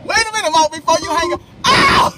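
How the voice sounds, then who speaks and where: A woman hosting a live stream, talking in an animated way with preachy asides and frequent laughter. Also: extremely high pitch, very fast. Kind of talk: casual live-stream talk. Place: hot room in Las Vegas. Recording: noisy live-stream audio.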